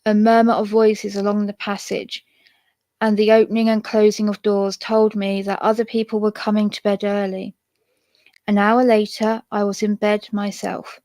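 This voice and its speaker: A woman storyteller narrating a ghost story in a steady reading voice, with occasional self-mocking asides. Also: mid-range voice, normal speed, no echo.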